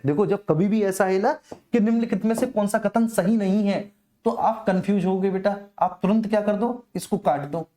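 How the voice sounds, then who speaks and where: A coaching teacher gives an informal exam-prep lecture, repeating key phrases for emphasis and often checking in with her students. She has a mid-range voice with a dark tone.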